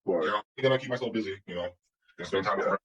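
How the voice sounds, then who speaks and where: A man's voice: low voice, racing, far from the mic, lo-fi sound. A man seeking advice in a casual conversation, hesitant and stammering.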